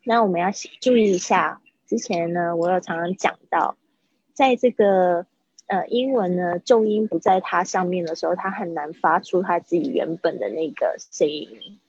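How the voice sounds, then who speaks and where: Chinese-speaking woman teaching english words, kinda low husky voice, dry muffled mic, repeats stuff slow. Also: darkish tone, no echo. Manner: chatty, repeats words slowly to model pronunciation. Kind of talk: livestreamed vocabulary lesson.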